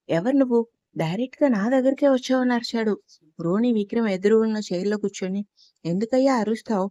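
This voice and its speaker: A woman narrating an audio story in a steady, expressive reading as the show's host. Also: mid-range voice, dry recording.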